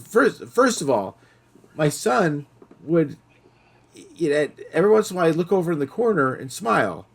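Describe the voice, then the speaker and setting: A gravelly, slightly high-pitched voice at normal speed belongs to a middle-aged podcast host. He tells stories in casual chat, animatedly performing the voices of the people involved.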